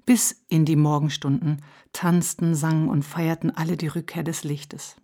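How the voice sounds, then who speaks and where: A woman narrating a children's storybook in a calm, measured reading voice. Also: deep voice.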